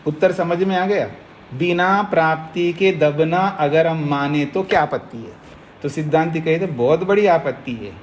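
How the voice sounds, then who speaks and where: A swami who teaches Nyaya philosophy gives a Hindi scripture lecture to a class, explaining slowly, step by step, and often asking whether the listeners follow. His voice is fairly high-pitched, with a little hiss or hum in the recording.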